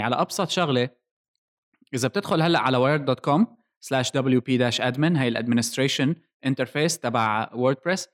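A man with a Levantine Arabic accent hosting a casual tech discussion, explaining things and dropping in English technical terms. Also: medium pitch. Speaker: podcast host.

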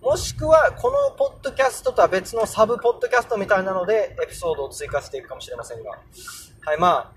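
A man's voice: sits high, sing-song, quick pace, slight background noise. A young man casually hosting a solo podcast, explaining English pronunciation and sounding out example words aloud. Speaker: podcast host.

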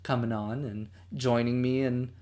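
A man hosting a podcast and wrapping up the episode in a relaxed, chatty way with lots of fillers and laughs. He says he is losing his voice. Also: mid-range voice, normal speed. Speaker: podcast host. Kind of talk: casual podcast chat and outro.

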